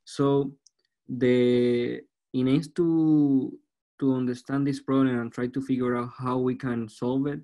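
Man, twenties, Puerto Rican accent, little pitch variation, halting academic presentation, repeated words. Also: flat delivery, dark tone. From Puerto Rico. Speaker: student researcher presenting. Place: online video call.

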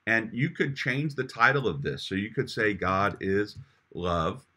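A middle-aged pastor records a screen walkthrough, his voice fairly low yet bright and forward. He talks with eager enthusiasm, pausing on ums and restarting phrases as he clicks along. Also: animated. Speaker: pastor giving a software tutorial.

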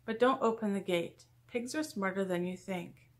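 A stern farm father from a picture book, read by a woman. His warnings come firm and measured, a little lower and softer than the telling around him. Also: lightly acted.

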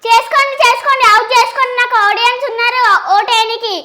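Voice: very high voice, steady tone, quick pace, bright, forceful tone. A child firing back defiant comebacks in a playful staged reality-show skit. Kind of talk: playful argument.

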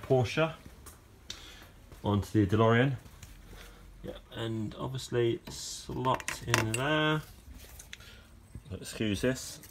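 Over some background noise, a man with a fairly low-pitched voice talks through a project outside a garage. The car owner vlogger films this casual how-to vlog on a handheld phone camera in the outdoor yard, rambling along with fillers and restarts.

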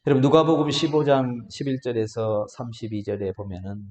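A man's voice: mid-range voice, steady tone, fairly quick, darkish tone. A male pastor preaching a sermon with rhetorical questions and sudden rises, recorded in a church sanctuary. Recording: roomy church hall reverb.

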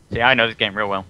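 A man's voice: lowish voice, pushed and bright, no room sound. A man playing a co-op game with friends, teasing them and giving advice. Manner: teasing, know-it-all advice. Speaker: co-op player. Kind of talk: casual gaming chat.

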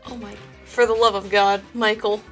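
A woman's voice: medium pitch, flat delivery, moderate pace, faint music behind. A woman streamer chatting casually through a voice changer, giggly and joking, with lots of filler words. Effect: voice changer with a slight delay.

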